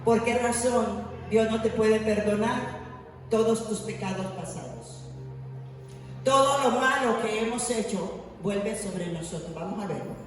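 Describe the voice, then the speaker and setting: A woman's voice: medium pitch, a little slow, distant mic. A woman preacher giving a sermon. She tells stories, acts out the quoted voices and asks the congregation questions. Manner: storytelling, acting out quoted voices, rhetorical questions. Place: church hall. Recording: echoey hall, voice from afar, faint noise.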